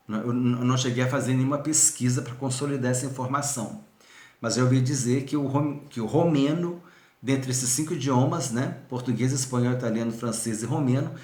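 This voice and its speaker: A man's voice: medium pitch, darkish tone, reverberant. A man teaching a recorded seminary video lesson, explaining patiently, repeating points and speaking straight to the viewer. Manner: addresses viewer directly.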